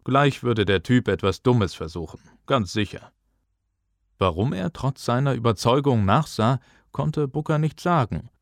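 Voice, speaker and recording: A man narrating an audiobook in a measured, calm storytelling voice. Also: mid-range voice, no room sound, studio quality. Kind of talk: scripted narration.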